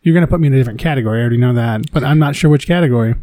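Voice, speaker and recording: Teasing man with a dark, dry voice. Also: medium pitch, rapid-fire, no room sound. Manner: teasing, laughing, stammering restarts. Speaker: podcast co-host. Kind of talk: casual comedic chat. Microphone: podcast microphone.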